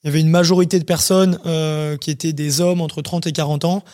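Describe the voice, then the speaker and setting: A man's voice: a little high, flat delivery, fairly quick, a little mellow. A man, a startup CEO, explaining his company in a casual interview, talking with many fillers.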